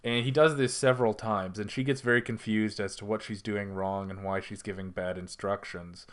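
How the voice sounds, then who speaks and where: A man co-hosting a podcast, speaking in a somewhat low voice. He recounts scenes in a wry, dry way during a casual review chat. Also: fairly even intonation, moderate pace. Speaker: podcast co-host.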